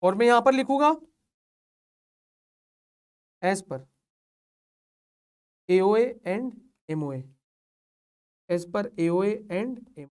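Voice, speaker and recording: A young man teaching an online lecture, excited and playfully scolding his students, mixing Hindi and English. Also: high-pitched, clear, resonant tone.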